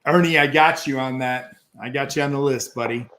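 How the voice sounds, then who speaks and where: A man's voice: mid-range voice, fairly quick, a bit bright. A man hosting a podcast in a laid-back, conversational way, swearing casually as he tells a story. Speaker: podcast host, former pitcher.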